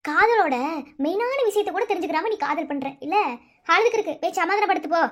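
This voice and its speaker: A woman's voice: very high voice, lively intonation, fast talker, a bit bright. A woman voicing a bossy, cheeky young village sister who mocks and orders her brother in Madurai Tamil for a cartoon. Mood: mocking. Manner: bossy, mocking.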